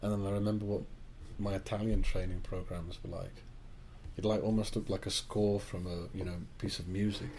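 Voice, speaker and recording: A man's voice: sits low, little pitch movement, brisk, dark tone, a little hiss or hum. A man hosting a casual chat, mostly giving short, easygoing agreeing replies.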